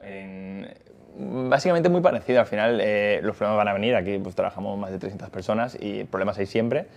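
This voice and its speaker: A man's voice: on the low side, a little fast, dull audio. A man talking casually about work and family, with many hesitations and restarts. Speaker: factory worker and father. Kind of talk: casual conversation.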